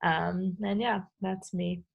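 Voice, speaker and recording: A woman's voice: lowish voice, fairly even intonation, slow, gravelly, dull audio, slight background noise. A woman in her twenties from the United States introducing herself on a video call, hesitant and full of filler words. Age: 20s. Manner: hesitant, lots of ums and likes. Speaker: artist speaker. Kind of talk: casual self-introduction.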